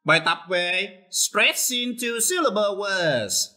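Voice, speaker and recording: Male teacher, slow and bright, lively pitch, TV lesson. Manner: explains step by step, switching between Vietnamese and English. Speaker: English teacher. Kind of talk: televised lesson.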